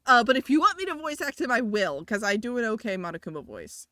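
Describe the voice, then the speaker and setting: High, chatty woman streaming a game. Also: very animated, fast, sharp tone, no room sound. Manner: chatty, swears casually. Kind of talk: casual gaming commentary.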